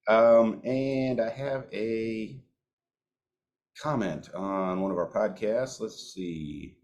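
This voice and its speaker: A man co-hosting a cigar podcast, talking in a relaxed, casual way with some swearing. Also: on the low side, drawn-out words, muffled recording. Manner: laid-back, swears casually. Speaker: podcast co-host. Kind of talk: casual chat.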